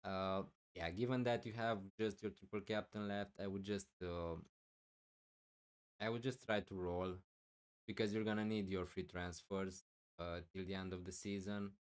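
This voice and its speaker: A low-pitched man hosting a fantasy football live stream responds to chat questions, loud and full of fillers as he thinks aloud. His intonation stays fairly even, his delivery smooth at a moderate pace. He is losing his voice and clearing his throat.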